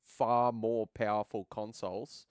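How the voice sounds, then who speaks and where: Male podcast host, smooth clear voice, dry close sound, enthusiastic chatter. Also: on the low side, a little slow, no echo. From Australia. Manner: animated, enthusiastic, acts out his own reactions. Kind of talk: casual chat.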